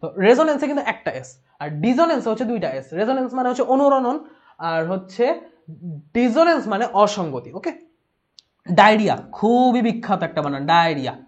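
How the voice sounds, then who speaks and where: Fast-talking woman teaching a lesson. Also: on the high side, very animated, a little mellow, highs cut off. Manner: fast, explanatory, repeats key words and spells them out. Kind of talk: online exam-prep lesson.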